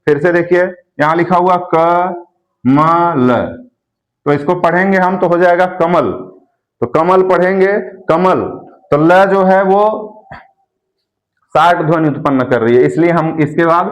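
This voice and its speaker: A man's voice: high voice, fairly even intonation, measured pace. A man teaching a lesson, explaining step by step and drawing out and repeating syllables. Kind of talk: classroom lesson.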